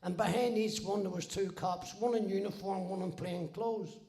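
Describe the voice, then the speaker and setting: A man's voice: high voice, fairly even intonation, normal speed, dark tone. A Northern Irish man in his sixties from Belfast, telling his own story in a blunt, salty, wry way and swearing freely. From Belfast, Northern Ireland. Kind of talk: casual spoken storytelling.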